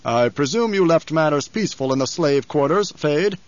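A coldly menacing older baron acted out by a male audiobook reader. He is scheming and imperious, weighing words with mocking care. The voice sits fairly high for a man, in a very dry space. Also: lively intonation, normal speed, no room sound, natural voice. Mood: menacing calm. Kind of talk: audiobook character voice. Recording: slightly dull, lo-fi audio.

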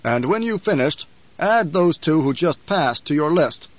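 A coldly menacing older baron acted out by a male audiobook reader. He is scheming and imperious, weighing words with mocking care. The voice sits fairly high for a man, in a very dry space. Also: lively intonation, measured pace, no echo. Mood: menacing calm. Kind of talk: audiobook character voice. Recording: slightly dull, lo-fi audio.

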